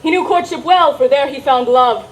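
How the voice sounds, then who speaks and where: A woman's voice: high voice, moderate pace, natural voice, poor audio. A woman playing a witty, teasing young woman disguised as a saucy youth, in theatrical, hammy Shakespearean stage comedy style. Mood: playful, brisk.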